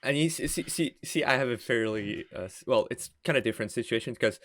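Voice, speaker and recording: A man's voice: medium pitch, fast talker, fairly bright tone. A French-speaking man from Quebec hosting a casual podcast chat in English, laid-back and swearing casually. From Quebec, Canada. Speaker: podcast host.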